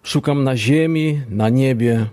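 A young man, a student, reciting a poem in a slow, even way. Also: medium pitch. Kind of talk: poetry recitation.

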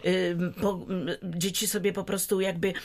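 A woman's voice: medium pitch, little pitch movement, moderate pace. A woman guest in a studio explaining a children's book, hesitant, with frequent filler sounds and restarts.

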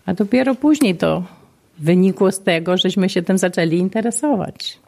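Gravelly-voiced woman recalling the past. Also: medium pitch, lively intonation, moderate pace, a little mellow, a little hiss or hum. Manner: reflective, with restarts. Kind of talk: documentary interview recollection.

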